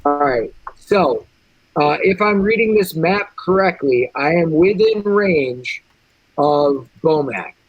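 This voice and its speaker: A man's voice: on the high side, expressive, slow, husky, no room sound, highs cut off. A man playing a tabletop game, talking casually and thinking aloud through the rules.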